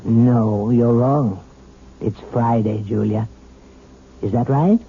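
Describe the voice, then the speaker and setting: An actor playing a calm, authoritative hypnotist doctor in 1970s radio drama, measured and reassuring. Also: male voice, mid-range voice, vocal fry, phone-quality sound. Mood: steady, commanding. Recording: thin, faintly noisy old radio broadcast.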